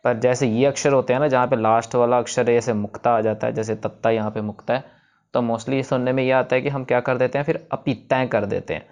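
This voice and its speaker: Male recitation teacher; patient, methodical, sounds words out slowly; mid-range voice. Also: medium pitch, steady tone, a little mellow, smooth. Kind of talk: explaining pronunciation of scripture.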